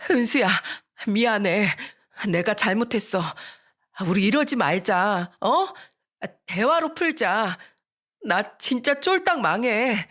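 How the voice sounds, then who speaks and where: A woman's voice: fairly high pitch, animated, moderate pace, a bit bright, pitched above the performer's own voice. Woman putting on a pleading, tearful young woman. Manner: whiny, begging, tearful pleading. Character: desperate pleading young woman, cornered friend.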